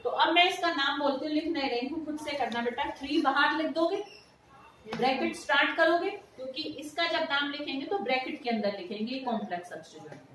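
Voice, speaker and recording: A woman gives a chemistry lesson in a high voice, quizzing her students as she goes. A faint hiss of noise sits under her speech. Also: fairly quick, a bit bright. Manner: addresses students affectionately, asks and answers her own questions. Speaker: chemistry teacher. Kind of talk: classroom lecture.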